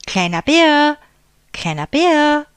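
A woman voicing a big, caring grown bear in a storybook, calling out loudly and indulgently. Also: fairly low pitch, takes it slowly, no room sound. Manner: loud calling, warmly indulgent.

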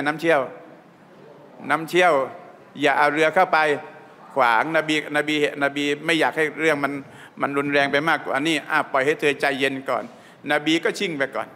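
A man giving an Islamic sermon, telling stories and often asking his listeners questions. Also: a little high. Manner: lively, asks the audience questions often. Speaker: religious teacher. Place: mosque training hall. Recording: long hall reverb.

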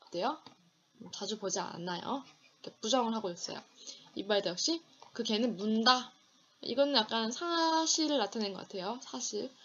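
A Korean woman teaching an online English grammar lecture, reading English example sentences slowly and deliberately. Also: a little high, a bit bright, lo-fi sound, a little hiss or hum.

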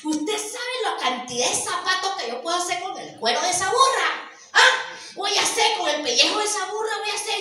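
A woman doing a greedy village shoemaker who gloats and boasts loudly in a high, bright voice. The storybook telling rings with heavy echo from a distance. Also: expressive, a little fast, heavily acted. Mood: gloating. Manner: gloating, loud. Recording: very echoey, from a distance.

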